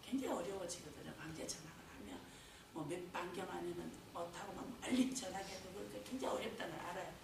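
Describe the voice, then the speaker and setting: A middle-aged woman who directs a care home tells stories at a faith lecture, lively and often laughing. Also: fairly low pitch, quick pace, gravelly, hardly any pauses. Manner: lively storytelling with frequent laughter. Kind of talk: lecture at a faith talk series. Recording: very echoey hall, distant mic, noise.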